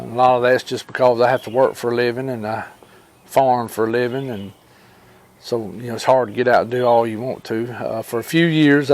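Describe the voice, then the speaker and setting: A folksy Southern man from rural Alabama, who tells stories and hosts a homesteading channel, shares informal, unscripted fireside tales of his own experiences. His mid-range voice rambles along with pauses and reported dialogue.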